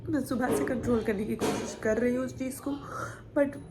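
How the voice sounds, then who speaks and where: A young woman vlogger talking quietly to her camera in a subdued, reflective way. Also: fairly high pitch, steady tone, normal speed, loud music behind the voice. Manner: subdued, soft-spoken and reflective. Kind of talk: personal vlog talk to camera.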